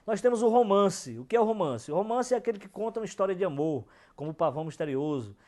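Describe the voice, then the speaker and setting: A man, a cordel poet explaining verse form in an emphatic documentary lecture, slowing down to stress syllables. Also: sits high, lively intonation, dark tone. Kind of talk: documentary lecture on folk poetry.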